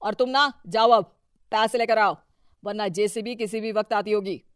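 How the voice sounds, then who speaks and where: A man's voice: high-pitched, moderate pace, fairly bright tone, smooth, no echo, clean studio sound. A man playing a domineering, greedy, boastful husband and local politician in a cartoon story. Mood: angry, bossy. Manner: bossy, self-important. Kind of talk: Hindi cartoon story dialogue.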